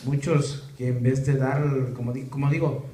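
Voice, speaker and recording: A pastor preaches a sermon in a church hall, putting many rhetorical questions to the congregation. His voice is mid-range and dark, with a steady tone and moderate pace. A camera or phone in the room picked it up, so the sound is echoey with faint noise.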